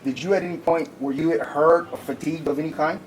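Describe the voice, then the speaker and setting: Very fast-talking male interviewer, slightly noisy. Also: fairly high pitch, steady tone. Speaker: interviewer, sports reporter. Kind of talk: brief casual interview questions. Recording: distant mic with background noise.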